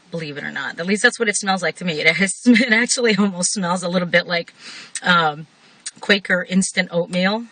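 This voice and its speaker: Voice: medium pitch, sharp tone, poor audio. A person giving a casual, rambling product review in a chatty way, talking with a tobacco pouch tucked in the upper lip. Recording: noticeable background noise.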